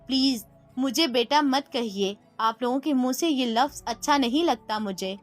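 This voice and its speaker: A woman's voice: high-pitched, soft background music, close to an everyday voice. A woman voicing a hurt young mother who speaks coldly and accusingly, read out in a storybook. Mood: bitter. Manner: cold and accusing.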